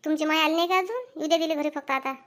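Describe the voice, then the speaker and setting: A quarrelsome young daughter-in-law, voiced by a woman for a cartoon comedy, talking. She scolds and argues stubbornly, her voice pitched extremely high. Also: very fast, fairly bright tone. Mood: scolding.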